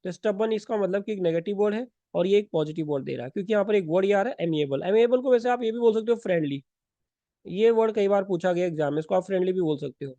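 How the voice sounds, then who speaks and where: A man teaching English vocabulary for exams, explaining step by step with rhetorical questions and quick self-corrections. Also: high voice, mellow, dry recording, muffled recording. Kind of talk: exam-prep lesson in Hindi-English mix.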